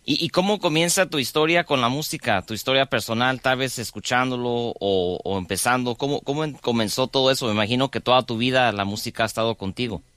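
A man hosting a radio interview, friendly and halting, often repeating words. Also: medium pitch, a bit bright, dry recording. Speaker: radio host.

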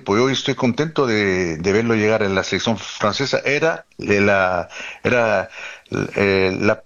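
A man with as his talking casually about football, halting often and restarting his sentences. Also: lowish voice, a bit bright, muffled recording. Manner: halting, many restarts and fillers. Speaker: guest commentator.

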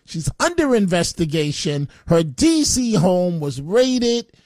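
A man's voice: high voice, big pitch swings, slow pace, darkish tone, no echo. Combative talk radio man, dry close sound. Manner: chatty, combative, with frequent fillers. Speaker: radio talk show host. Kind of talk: opinionated talk radio monologue.

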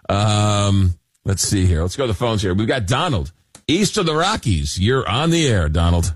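A man with the smooth, easy delivery of a late-night radio host. His voice sits on the low side yet moves through a wide, lively melody. The sound is dry and close, as from a studio microphone. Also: unhurried, no echo. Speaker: radio call-in show host. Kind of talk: late-night talk radio, reading texts and taking calls.

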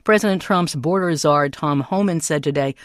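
A woman's voice: low-pitched, moderate pace, no echo, clean studio sound. A woman working as a public radio host, reading scripted national news as a newscaster.

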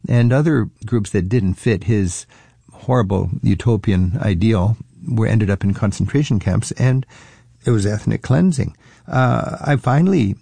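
A man's voice: fairly low pitch, vocal fry, warm tone, husky, dry recording. A man hosting an interview, curious and conversational, often rephrasing his questions as he goes. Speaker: interview host. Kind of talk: casual interview chat.

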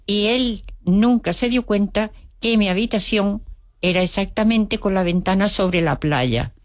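Dry, studio-quality audio captures an older woman with a lowish voice telling her memories as an interview guest. She has an Andalusian Spanish accent, her first language is Russian, and she's a vivid storyteller who acts out quotes with wry humor.

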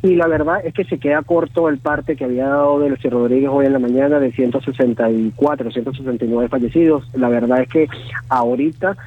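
A man in his thirties with a Venezuelan Spanish accent, calling in over a tinny phone line that thins his voice to a narrow band. His tone is husky, and he talks haltingly, with many fillers and restarts. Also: medium pitch, fairly even intonation, dry recording. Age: 30s. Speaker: phone guest. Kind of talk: phone interview.

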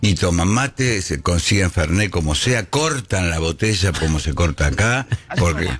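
A man with an Argentine accent, hosting a casual chat and telling stories in a chatty, animated way. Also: low-pitched, moderate pace, husky, soft background music. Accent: Argentine Spanish. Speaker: host.

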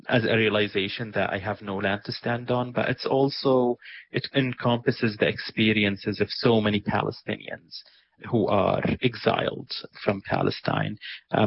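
Gravelly, husky man on a dull line. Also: on the low side, no room sound. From Syria. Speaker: interview guest. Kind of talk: remote news interview.

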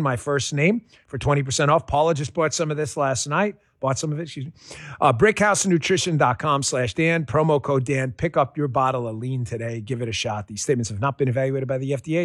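A man doing a host-read radio ad, animated and punchy, in a personal pitch. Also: fast, no room sound, clean studio sound.

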